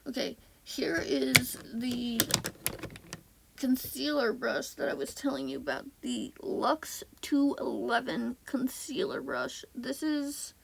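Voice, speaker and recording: Woman doing a chatty voiceover, super gravelly fry, talks slow and rambly, voice kinda off today. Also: high-pitched. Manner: rambling, self-correcting, lots of ums. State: voice a bit off. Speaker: beauty vlogger. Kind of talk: casual voiceover chat. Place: home, indoors.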